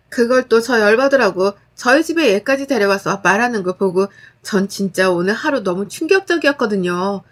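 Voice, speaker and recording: Woman narrator, fairly high pitch, steady and firm, acted-out storytelling.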